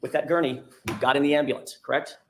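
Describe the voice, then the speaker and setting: A man's voice: medium pitch, steady tone, fast. A man working as a defense attorney, pressing a witness with pointed, insistent questions in a courtroom recording. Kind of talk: courtroom cross-examination. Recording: echoey courtroom recording with faint noise.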